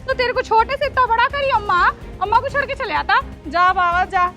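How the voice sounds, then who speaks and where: A woman's voice: very high-pitched, animated, a little fast, pushed and bright, lo-fi sound, soft background music, heavily acted. An actress playing a stubborn, guilt-tripping mother in a comic family skit. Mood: indignant. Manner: scolding, emotional, guilt-tripping. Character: nagging, stubborn older mother-in-law type.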